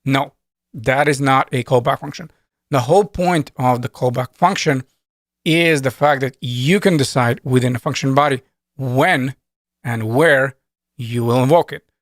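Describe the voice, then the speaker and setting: A man's voice: mid-range voice, unhurried, dry recording, clean studio sound. Man talking through a coding tutorial. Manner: conversational, thinks aloud while typing code. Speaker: programming instructor. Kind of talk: screen-recorded coding tutorial.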